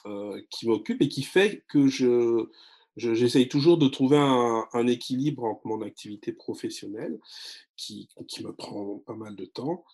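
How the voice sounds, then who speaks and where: A man's voice: mid-range voice, a little slow, darkish tone. A man in his forties, a literary blogger talking casually as an interview guest, hesitant with many fillers and restarts. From France and Congo-Brazzaville.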